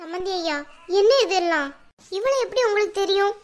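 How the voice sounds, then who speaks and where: A woman's voice: very high voice, a little fast. A woman voicing a middle-aged mother in a cartoon, scornful and scolding. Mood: shocked. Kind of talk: cartoon voice acting.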